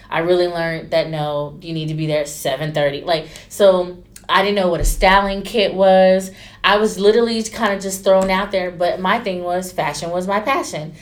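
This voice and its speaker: A woman, a stylist chatting candidly in an interview and acting out quotes with lively turns. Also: lowish voice. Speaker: stylist and entrepreneur. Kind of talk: casual interview storytelling.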